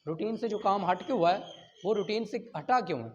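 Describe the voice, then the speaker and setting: Reading statutes and then unpacking them, a law teacher with a Pakistani accent lectures with rhetorical questions and checks on whether students follow. He has a high, expressive voice and talks fairly quickly. The recording is dull and lo-fi.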